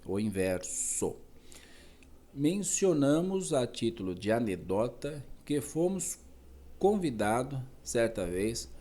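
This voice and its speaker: A man reads a dense academic text at a slow, deliberate pace. His voice is dark and mellow, with an even, average pitch. He stops now and then to correct a word or to add a quick aside. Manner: slow, careful reading with self-corrections and asides. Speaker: reader. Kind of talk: reading a philosophy text aloud.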